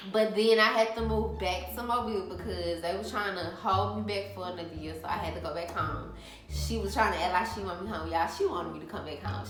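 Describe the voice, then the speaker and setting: A young woman tells a story to her viewers in an easy, chatty way. Her voice is medium in pitch and bounces off the walls of an echoey room, with faint music underneath. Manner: animated, chatty, addresses viewers as y'all. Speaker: vlogger. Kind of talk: casual storytelling to camera.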